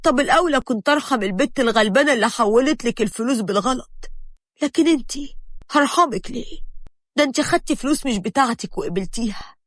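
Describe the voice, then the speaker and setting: A woman with an Egyptian accent voicing a grown male street thug who mocks and threatens, loud and dry. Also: a little high, lively intonation, fast talker, no room sound. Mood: sneering. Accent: Egyptian Arabic. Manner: sneering and threatening.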